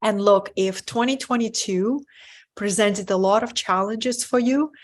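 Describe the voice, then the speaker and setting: A middle-aged Russian woman with a Russian accent presents a live webinar as a spiritual business mentor. Her mid-range voice moves at a measured pace, warm and earnest, and she often checks in with listeners by asking "right?"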